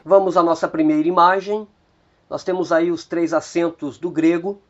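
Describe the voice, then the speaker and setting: A man with a Brazilian Portuguese accent teaching a slow video lesson, speaking deliberately and repeating each word twice. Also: a little high, fairly even intonation, soft background music. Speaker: Biblical Greek teacher. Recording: dull lo-fi recording.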